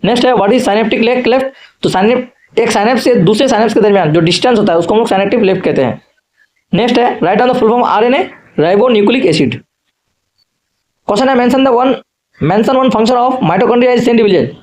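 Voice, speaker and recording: A man teaching an exam revision lesson, mixing Hindi and English, reading each question slowly and then rattling off the answer quickly. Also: extremely high pitch, a little mellow.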